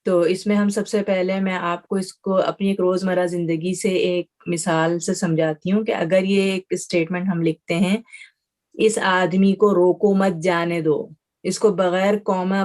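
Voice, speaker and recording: A woman's voice: on the low side, a little mellow. Woman teacher; patient, methodical online class lecture, English words sprinkled in, frequent check-in questions. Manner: patient, explains step by step with examples and check-in questions; mixes English words into her speech.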